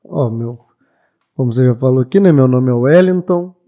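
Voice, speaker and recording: Speaking at a moderate pace in a mid-range voice, a Brazilian man in his late twenties who owns a bookshop guests on a casual podcast. He's reflective and occasionally restarts his sentences hesitantly. The recording's high frequencies are cut off.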